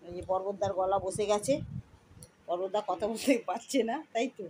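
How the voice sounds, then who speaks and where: A woman's voice: mid-range voice, fairly quick, noisy background. A woman chatting casually to her viewers as she cooks at home. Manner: chatty, addresses viewers as friends. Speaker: cooking vlogger. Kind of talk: casual home cooking vlog. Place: home kitchen.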